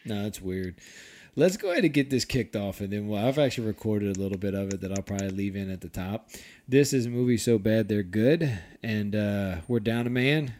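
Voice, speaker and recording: A man hosting a casual podcast, animated and laughing often, swearing freely. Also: lowish voice, brisk. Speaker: podcast host.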